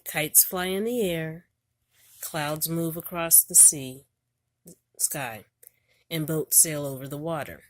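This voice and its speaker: Reading an educational picture book to children, this low-voiced homeschool parent takes a deliberate, storybook pace aimed at young learners. The recording is dry.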